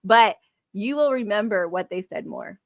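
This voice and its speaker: A woman co-hosting a casual podcast, giggly and informal, with vocal fry and frequent use of "like". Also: medium pitch, lively intonation, normal speed, no echo, studio quality. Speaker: podcast co-host.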